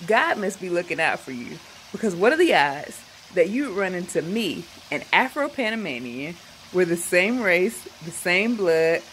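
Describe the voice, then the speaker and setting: A woman's voice: on the low side, very animated, normal speed, slight background noise, rough recording. A woman voicing a chatty, friendly male cab driver who talks to her in a familiar, reassuring way. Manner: warm, familiar, reassuring talk.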